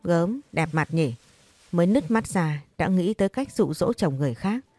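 Storybook role: mocking, spiteful neighbors, voiced by a woman narrator, warm low tone. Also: expressive, normal speed, no echo.

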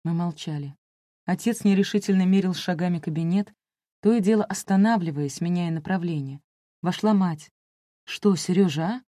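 Woman reading a novel in a dark voice. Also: fairly low pitch, normal speed, dry recording, clean studio sound. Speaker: audiobook narrator. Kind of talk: first-person audiobook reading.

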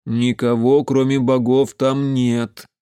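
A man's voice: medium pitch, takes it slowly, clean tone, dry recording, clean studio sound, close to an everyday voice. A man doing a weary, patient mage. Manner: weary, flat and calm. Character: tired, patient male mage.

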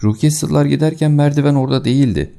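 A frightened young governess protests in anxious disbelief, a man putting her on. The pitch sits well above the narrator's dark baseline, though a gravelly grain remains. The tone is tense and earnest. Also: fast talker. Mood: alarmed.

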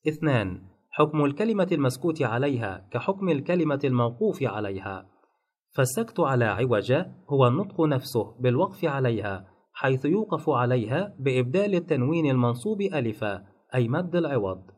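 A man calmly narrating a lesson on Quran recitation rules, listing points one by one. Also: mid-range voice, slightly rough. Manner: measured, enumerating rules point by point. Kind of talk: scripted instructional narration.

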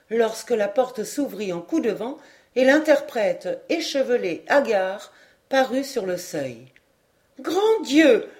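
A woman reading an audiobook aloud in an even, measured storytelling manner. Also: fairly high pitch. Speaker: audiobook reader. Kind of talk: audiobook narration. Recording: faint background music. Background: faint music.

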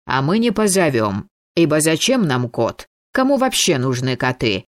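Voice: medium pitch, sing-song, normal speed, natural voice. A woman doing a fussy old wizard. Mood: lecturing.

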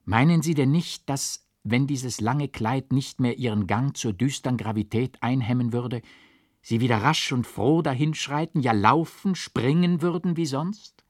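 A man's voice: mid-range voice, a little slow, dry recording, studio quality, lightly acted. A man reading the part of an earnest old man in an audiobook, coaxing and pleading, rising to fervent exhortation.

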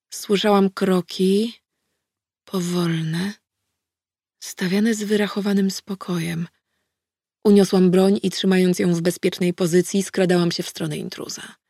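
A woman's voice: mid-range voice, steady tone, measured pace, vocal fry, darkish tone, husky, dry recording. Woman, audiobook narrator, first person, tense clipped delivery, close dry recording.

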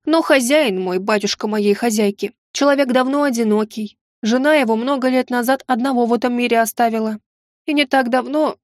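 A woman's voice: a little high, a little fast, no echo, studio quality, natural voice. A woman reading an audiobook voices a sly, tearful middle-aged maid who speaks in a folksy, old-fashioned, plaintive way.

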